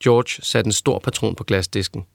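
A man reads a novel aloud in an even, steady manner. His voice sits low, and the recording is close and dry with no room around it. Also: vocal fry, no echo. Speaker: audiobook narrator. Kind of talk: scripted narration.

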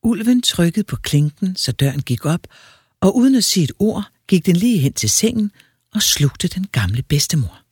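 A man reading a fairy tale aloud with a lively, expressive storyteller delivery. His voice is very breathy, and the recording is close and dry. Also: high voice, no echo.

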